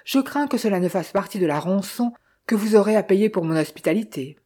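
A woman's voice: mid-range voice, expressive, brisk, darkish tone, lightly acted. Woman voicing a stern ironic lady of the house. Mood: dry. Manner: dry, commanding.

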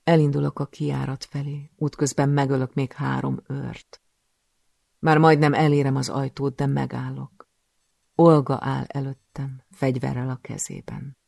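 A man's voice: medium pitch, gravelly, darkish tone, dry recording, clean studio sound. A man reading a first-person thriller audiobook in a tense, dramatic way. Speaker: audiobook narrator.

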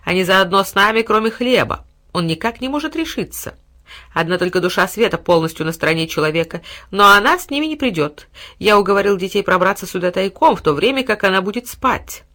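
A woman voicing a sly, flattering male cat who talks in a sugary, scheming way. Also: mid-range voice, brisk, close to an everyday voice. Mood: fawning. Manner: sugary, fawning, scornful aside.

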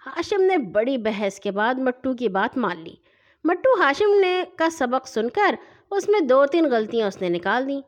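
High, lively woman storyteller. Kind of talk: children's story narration.

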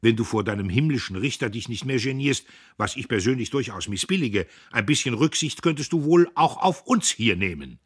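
A man voicing a pompous, self-important young brother who talks loud and indignant. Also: medium pitch, animated, brisk, husky, dry recording, clean studio sound, voice pushed up.

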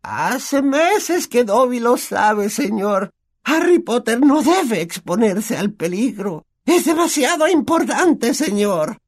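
Squeaky, slow, grovelling male house-elf with a Latin American Spanish accent; meek and self-effacing in the audiobook. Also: big pitch swings, heavily acted. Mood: urgent. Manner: servile, speaks of himself in third person. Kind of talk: audiobook character voice.

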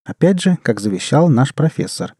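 A man voicing a calm, firm young woman who takes charge, in an audiobook. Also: mid-range voice, moderate pace, slightly rough, dry recording, studio quality, voice pushed up. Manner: quiet but firm. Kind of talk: audiobook character reading.

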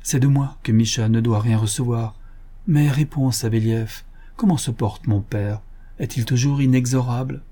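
A man voicing a tearful, pleading young woman in an audiobook, reading her lines softly. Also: medium pitch, fairly even intonation, normal speed, lightly acted.

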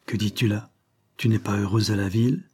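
A fatherly police officer speaks calmly and bluntly, voiced by a male audiobook reader. His voice is low and mellow with a slightly husky edge. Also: a little fast. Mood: paternal. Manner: calm and paternal.

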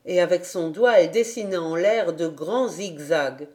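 A woman reading a children's novel aloud as an audiobook, in an expressive, measured way. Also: fairly low pitch. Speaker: audiobook reader. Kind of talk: storybook narration.

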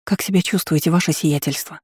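A woman's voice: low-pitched, steady tone, fairly quick, a little mellow, breathy edge, no echo, studio quality. A woman voicing a sobbing young maid. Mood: frightened. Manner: sobbing, pleading. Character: timid crying young maid girl.

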